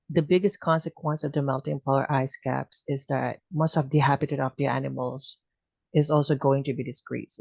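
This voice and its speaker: A man's voice: mid-range voice, gravelly, no room sound. A man talking in a casual online group discussion, rambling with many "you know" fillers and joking asides. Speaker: discussion participant.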